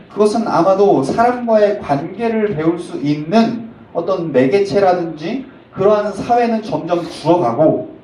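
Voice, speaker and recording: A man preaching a sermon to middle schoolers as a youth pastor, with sudden loud emphatic rises. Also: fairly high pitch, a little hiss or hum. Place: church sanctuary. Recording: echoey hall from a distance.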